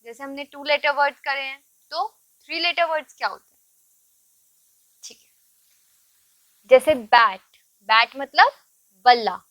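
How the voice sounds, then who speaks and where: A woman teaching English words to children, patiently repeating and spelling each word slowly. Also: high-pitched, fairly bright tone, no room sound.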